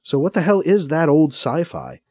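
A man's voice: a little high, huge pitch swings, moderate pace, dark tone, slightly rough, no room sound, voice pushed up, full character voice. A man voicing a puzzled male newcomer in an audiobook, asking questions in a dry, slightly raised voice.

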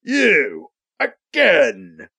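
Brief: narrator voicing a vengeful male crime boss in an audiobook, slow deliberate threats, lively pitch. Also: vocal fry, exaggerated voice. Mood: menacing.

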